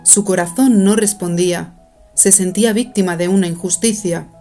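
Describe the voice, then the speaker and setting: Woman audiobook narrator, mellow dark tone, soft music underneath. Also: medium pitch, moderate pace. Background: faint music.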